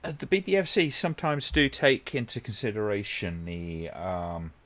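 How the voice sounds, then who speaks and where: A live stream host with a deep, low voice chats casually with viewers during a watch-along. He rambles from thought to thought in a relaxed way, filling gaps with ums and uhs and addressing chatters by name.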